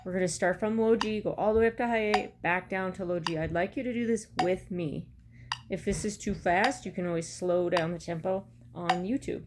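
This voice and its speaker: A woman's voice: fairly low pitch, fairly even intonation, a little fast. A middle-aged woman giving an instructional music lesson to camera, explaining step by step and counting out beats. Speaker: bagpipe practice chanter teacher. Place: small room at home, indoors. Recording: clear background noise, home recording. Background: metronome clicks at times, room noise.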